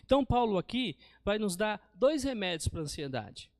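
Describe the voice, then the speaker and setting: With a high voice and big pitch swings, a Brazilian-accented preacher moves at a moderate pace through his church sermon. He tells stories and often refers to his listeners as brothers, and the studio-quality recording has no echo.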